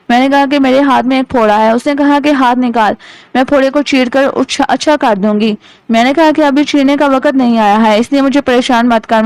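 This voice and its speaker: A woman narrates an old tale in a steady, measured audiobook reading. Her voice is high and smooth, and the sound is close and dry. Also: no echo, low-quality recording. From Pakistan. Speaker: storyteller.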